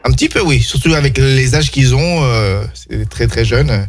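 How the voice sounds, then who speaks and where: A man's voice: medium pitch, normal speed. Hesitant man presenting on radio. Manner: hesitant, many fillers and restarts. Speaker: radio show co-host. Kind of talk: casual radio chat, presenting a gadget.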